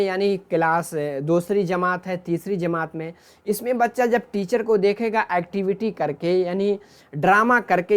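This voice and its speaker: A man teaching an exam-prep class, explaining step by step, often checking in with listeners and restating terms in Urdu, Hindi and English. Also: high-pitched.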